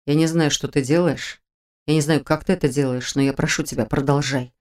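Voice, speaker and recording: A quiet, restrained male mage in mourning, read by a woman narrating a fantasy audiobook. His voice sits low and soft. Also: steady tone, a little fast, lightly acted. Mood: hushed.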